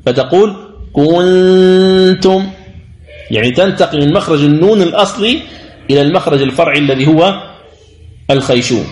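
A man teaching the rules of Quran recitation, explaining slowly and drawing out his recited examples. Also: a little high, roomy sound. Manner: slow, deliberate explanation with drawn-out recited examples. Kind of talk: tajwid lesson commentary.

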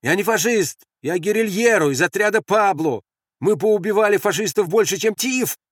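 A man voicing a desperate male guerrilla messenger who shouts and pleads to be let through. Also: on the high side, lively intonation, normal speed, no room sound, studio quality, voice pushed up. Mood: frantic. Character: frantic male guerrilla messenger crossing lines.

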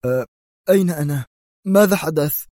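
A dazed, stammering mafia underling, acted by a male reader, his voice lifted well above the reader's low register and recorded dry and close. A rattled, hurried storybook thug. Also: fairly even intonation, mellow, no echo, natural voice. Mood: frightened. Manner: stammering, alarmed. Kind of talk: audiobook character voice.

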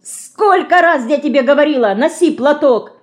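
A woman reading an audiobook, voicing a hot-tempered young city girl who snaps back in sharp, indignant outbursts. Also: sits high, animated, normal speed, voice pushed up.

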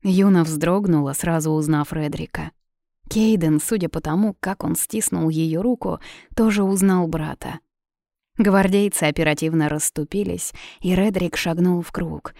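Audiobook narrator: a woman with a low, dark voice, even and measured. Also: vocal fry, dry recording, studio quality. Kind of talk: audiobook fiction reading.

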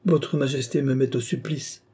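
A timid old duke, tutor to a prince, answering his king with anxious deference in a soft, husky tone, as a man reading aloud puts him on. He hesitates and hedges in the measured flow of an audiobook. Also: medium pitch, steady tone. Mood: flustered.

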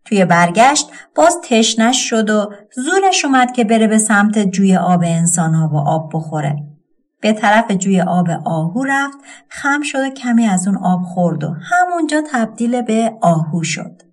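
A woman narrating a folk tale audiobook with an expressive storytelling cadence. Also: medium pitch.

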